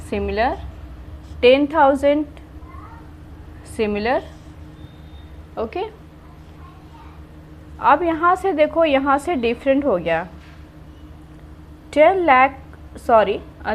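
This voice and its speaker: A woman with a high voice teaches at an unhurried pace, counting out number places one at a time. She asks a question and then answers it herself, repeating each step. Faint room noise sits behind her. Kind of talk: classroom math lesson.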